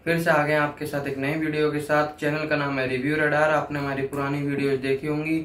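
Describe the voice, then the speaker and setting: A man's voice: fairly high pitch, flat delivery, a little fast, fairly bright tone, a little hiss or hum. A man doing a casual unboxing review, chatting to viewers and explaining each step plainly. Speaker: product reviewer.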